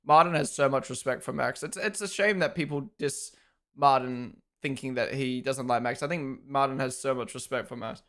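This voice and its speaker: A man chats through a live stream at a desk mic. His voice sits at an everyday middle pitch. He is loose and unscripted, dropping in the odd swear. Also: normal speed, a bit bright. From New Zealand. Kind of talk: casual live watch-along chat.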